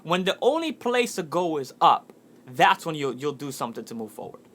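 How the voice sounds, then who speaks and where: A man's voice: on the high side, moderate pace. Earnest young man giving a pep talk. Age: 20s. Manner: earnest, animated storytelling with frequent restarts. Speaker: motivational speaker. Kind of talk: casual motivational monologue.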